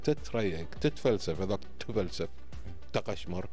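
Speaking quickly with lively intonation and a darkish tone at medium pitch, this Kuwaiti podcast guest in his fifties teaches more than he chats, pressing his points and often asking whether listeners are with him. He's recorded indoors on a close studio microphone mounted on a boom arm, with soft background music.

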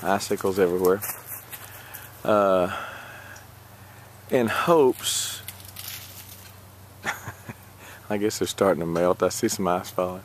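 A man speaking in a lowish voice at a slow, easygoing pace as he films his garden outdoors on a handheld camera. He hesitates often and fills the gaps with "uh" and small chuckles. A faint hiss of outdoor noise runs underneath. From Texas. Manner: rambling, hesitant, many fillers, chuckles often. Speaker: vlogger. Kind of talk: casual garden walkthrough.

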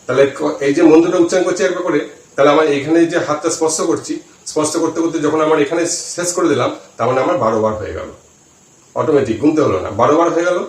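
A man giving a slow, deliberate lesson on chanting, counting aloud as he shows the finger positions. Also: on the high side. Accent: Bengali. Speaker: spiritual teacher. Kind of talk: instructional talk to camera. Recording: roomy echo, voice from some distance.

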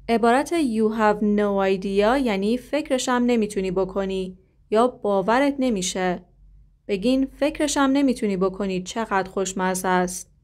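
A young adult woman teaching a language lesson, explaining quickly and repeating model phrases slowly and carefully. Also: medium pitch, a little mellow. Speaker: English teacher.

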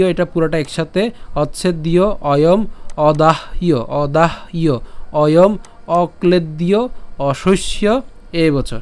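Clear-voiced man patiently teaching recitation. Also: fairly high pitch, a little mellow. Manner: patient, repeats each word and syllable slowly, checks with "right?"; chants the verse in a sung melody. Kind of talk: slide-based pronunciation lesson.

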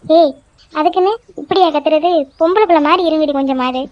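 Brief: woman playing a nagging cartoon mum, high, quick, dull dry recording. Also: no echo, natural voice. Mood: scolding. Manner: scolding, nagging. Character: scolding middle-aged village mother. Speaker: voice actor. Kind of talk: cartoon dubbing.

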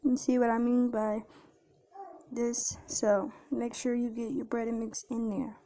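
A woman's voice: on the high side, flat delivery, a little slow, dark tone. Chatty young woman with a drawl. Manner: chatty, addresses viewers as y'all and guys. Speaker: cooking vlogger. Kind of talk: casual cooking tutorial. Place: home kitchen. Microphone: handheld phone camera.

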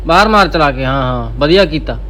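Punjabi guy vlogging w his roommates, highish voice, colloquial banter, bit of background noise. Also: lively intonation, a little fast, a bit bright. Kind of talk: casual vlog chat with roommates.

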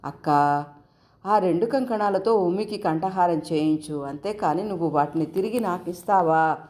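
A woman voicing a gentle, earnest young woman in a storybook reading, her pitch raised above her narrating voice. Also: normal speed, lightly acted.

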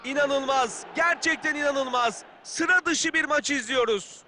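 A man doing excited, screaming play-by-play football commentary for a video game, as if calling every attack live. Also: very high voice, measured pace, a little hiss or hum. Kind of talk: match commentary.

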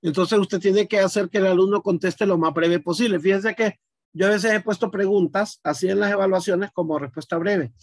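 A male teacher with a notably high voice talks his class through an exercise one step at a time. He thinks out loud and keeps turning to his students with questions. The sound is close and dry, with no room around it. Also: normal speed, no room sound. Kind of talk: online class demonstration.

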